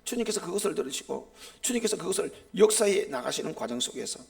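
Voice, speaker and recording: A middle-aged man preaching a live sermon as a pastor, impassioned, swinging sharply between loud and hushed. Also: sits high, very animated, quick pace, gravelly.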